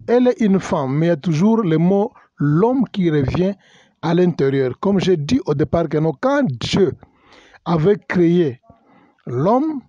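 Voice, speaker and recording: Heard in lo-fi audio with no echo, this male pastor has a fairly high pitch and a dark tone. He teaches a sermon hesitantly, bilingual in English and French, with many fillers and self-corrections, spelling out words and mixing in English terms.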